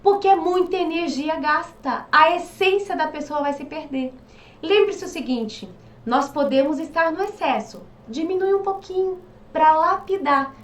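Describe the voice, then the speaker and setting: A woman coaching on behavioral profiles in a casual, animated way, asking rhetorical questions and acting out quoted voices. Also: sits high, a little slow. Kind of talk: casual teaching monologue. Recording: echoey room, mic at a distance.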